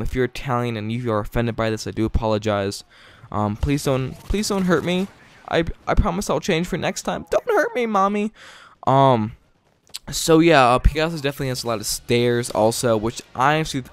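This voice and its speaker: A man talks his way through a match in a relaxed, weary ramble, filling the gaps with ums and uhs. His voice sits at a middling pitch and stays smooth and resonant. It's a casual voice-over recorded at a desk mic. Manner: tired, rambling, with many fillers. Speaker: gaming commentator. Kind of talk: casual gameplay commentary.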